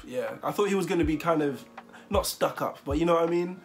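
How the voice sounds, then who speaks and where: A man's voice: fairly high pitch, brisk, faint music behind. A man of twenty-one chatting casually in a vlog interview, rambling with fillers and frequent laughs. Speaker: vlogger.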